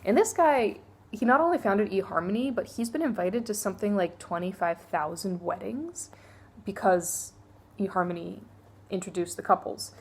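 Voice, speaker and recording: A young woman talks through a stack of books in a loose, candid way. Her pitch sits at an average height for a woman, and she fills her talk with "like" and "um" and frank side remarks. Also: moderate pace, husky. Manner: chatty, candid, many fillers and asides. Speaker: book reviewer. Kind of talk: casual book review vlog.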